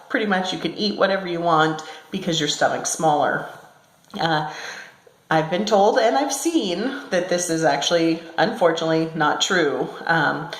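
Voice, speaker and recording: A vlogger with a slightly low voice talks casually to camera, chatty and full of ums and self-corrections. She's recorded in a small room at work, and echo rings around her words.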